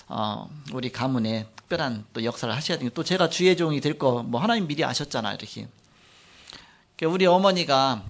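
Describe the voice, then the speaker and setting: Animated middle-aged male pastor preaching. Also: fairly high pitch, gravelly. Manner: animated storytelling, acts out quotes, frequent trailing "like this". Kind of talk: sermon with personal testimony.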